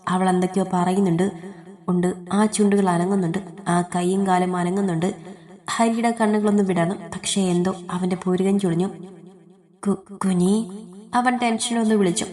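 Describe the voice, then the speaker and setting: A woman reading a romance novel aloud as a storyteller, in steady, even scripted narration. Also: mid-range voice, a little fast.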